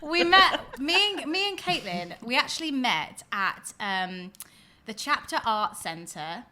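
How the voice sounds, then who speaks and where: A young woman from the Forest of Dean with a Gloucestershire accent and a slight Welsh lilt, chatting excitedly as a podcast guest and tripping over her words. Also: fairly high pitch, slow pace, a little hiss or hum. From England, Forest of Dean in Gloucestershire. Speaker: guest, actor. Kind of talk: casual podcast chat.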